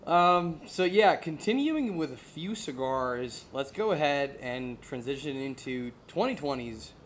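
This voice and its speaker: A man's voice: fairly high pitch, very animated, a little slow, slight background noise. Eager man hosting a casual chat. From Santiago, Dominican Republic. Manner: eager, repeats himself for emphasis. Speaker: host.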